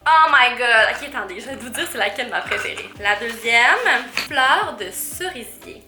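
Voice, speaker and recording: A young woman with a Québécois French accent, gushing excitedly as she unboxes items for her vlog. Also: a little high, normal speed. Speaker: vlogger. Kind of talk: unboxing chat to camera. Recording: roomy echo with faint music.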